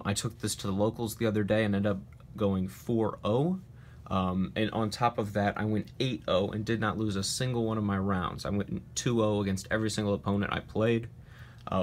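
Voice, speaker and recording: Slight background noise accompanies a man whose lowish voice carries a casual deck profile for his card game channel. Congested and nasal from a cold, he still sounds sure of himself and forceful, and "uh" and "um" come up frequently.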